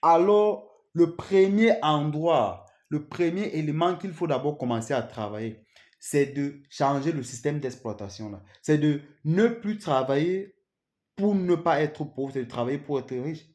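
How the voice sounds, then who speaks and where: A man's voice: fairly high pitch, measured pace, darkish tone. A man giving an unscripted motivational talk, speaking earnestly to the listener, often asking "you see?" and restarting his sentences. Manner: earnest, repeats "vous voyez?", restarts and stammers.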